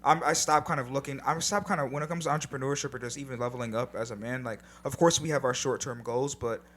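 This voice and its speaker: Fast-talking and fairly bright, this young co-host keeps a steady tone in his mid-range voice. The podcast chat is casual, and he muses in a relaxed, reflective way with occasional swearing.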